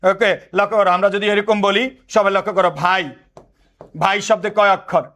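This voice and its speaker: A young man teaching an admission test lesson, animated, quizzing students and answering his own questions. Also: sits high, moderate pace.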